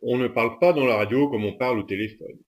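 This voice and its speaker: A man reading a scripted instructional narration in a steady, methodical way. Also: medium pitch, quick pace.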